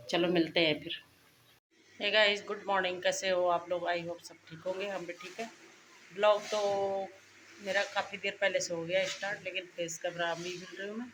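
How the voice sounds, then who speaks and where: A woman's voice: on the low side, steady tone, normal speed, pauses often, fairly bright tone, slight background noise. Middle-aged woman, homely chatty vlogger, roomy echo, faint background ambience. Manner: chatty, homely, talks straight to viewers. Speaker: family vlogger. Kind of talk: casual chat to camera. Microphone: phone camera.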